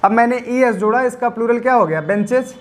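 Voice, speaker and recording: A man teaches English grammar in a high-pitched voice. He spells endings out letter by letter and slows down on them. He keeps asking the class questions and answering them himself. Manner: spells out letters slowly, stresses pronunciation. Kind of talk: classroom lecture.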